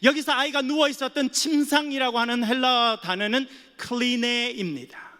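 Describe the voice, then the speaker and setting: A man's voice: very high-pitched, normal speed, sharp tone. A male pastor from a Korean island preaching a sermon, telling stories with playful jokes for the audience. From Geoje island, South Korea. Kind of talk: sermon with humorous storytelling. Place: seminary chapel. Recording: long chapel reverb.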